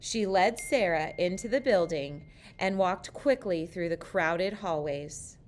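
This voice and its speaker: A woman reading a children's picture book aloud, slow, careful and expressive. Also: fairly low pitch. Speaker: storyteller.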